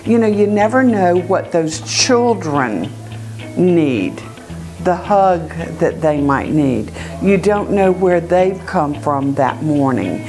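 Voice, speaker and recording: Older lady w a low voice giving a chatty personal testimonial, music playing behind her. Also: lively intonation, slow pace. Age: older, great-grandmother. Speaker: volunteer reader speaking about a community reading program. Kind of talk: personal testimonial, conversational storytelling. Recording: music bed under the voice.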